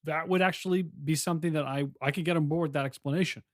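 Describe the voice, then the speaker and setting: A man's voice: a little high, steady tone, fast talker, no echo, clean studio sound. A man co-hosting a comedy podcast in casual chat, rambling and restarting as he builds his points. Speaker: podcast co-host.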